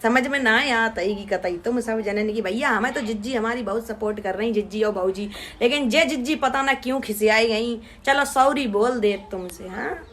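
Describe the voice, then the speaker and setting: Young woman with a rustic badaun accent, high sharp voice, reading out comments and snapping back at them, blunt and sarcastic. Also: moderate pace, slight background noise. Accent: rural western Uttar Pradesh (Badaun). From Badaun, Uttar Pradesh, India. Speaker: vlogger reading viewer comments. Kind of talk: casual comment-reply vlog.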